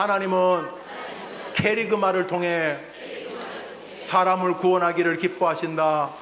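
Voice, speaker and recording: A man's voice: high-pitched, noisy background. A man preaching a sermon as senior pastor, leading the congregation in call-and-response and having them repeat phrases. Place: church sanctuary. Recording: reverberant church hall.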